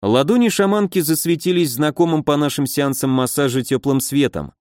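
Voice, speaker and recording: A man reading a first-person fantasy audiobook in an even storytelling manner. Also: fairly high pitch, a little fast, dry recording, studio quality. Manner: even storytelling, voices characters. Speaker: audiobook narrator.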